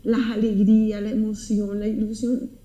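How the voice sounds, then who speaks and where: Woman telling her testimony, earnest and intense, keeps repeating herself, warm highish voice, echoey room. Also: flat delivery, moderate pace. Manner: earnest, intense storytelling with repetitions. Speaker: guest giving a personal testimony. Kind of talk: emotional personal testimony. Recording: roomy echo.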